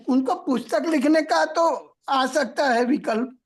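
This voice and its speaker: An older man asking halting questions in an online class, his voice cutting out on a bad call line. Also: very high voice. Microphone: video call.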